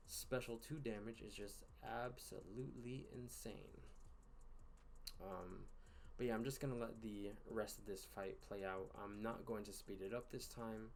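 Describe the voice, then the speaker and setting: A man hosting a gaming channel, giving casual commentary over gameplay late at night, tired and yawning, in a relaxed, rambling way with fillers and sighs. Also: on the low side, a little hiss or hum. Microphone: voice-over recorded in one take.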